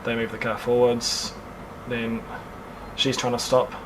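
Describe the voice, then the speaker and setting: A man's voice: medium pitch, completely flat delivery, a little slow. A man with a broad New Zealand accent giving a colloquial, matter-of-fact account as a witness. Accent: broad Kiwi (New Zealand). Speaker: service station worker, witness. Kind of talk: casual spoken account. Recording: clear room hum and background noise.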